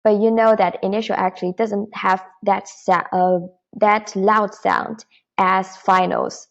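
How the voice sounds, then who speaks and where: A woman's voice: medium pitch, little pitch movement, a little slow, creaky, muffled recording. A woman teaching a beginner Mandarin lesson online, patiently modelling syllables and repeating them for learners to copy.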